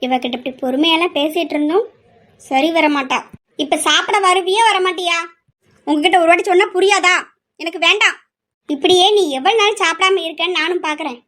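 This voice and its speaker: Woman voicing a fretful middle-aged mom, slow, pleading, high and bright. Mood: worried. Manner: slow, pleading, scolding at times. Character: worried middle-aged mother, pleading and weary. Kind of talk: amateur family drama.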